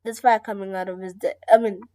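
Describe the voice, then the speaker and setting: A woman's voice: medium pitch, steady tone, fast, darkish tone. A woman reacting casually to a video, rambling and hesitant, often breaking into giggles.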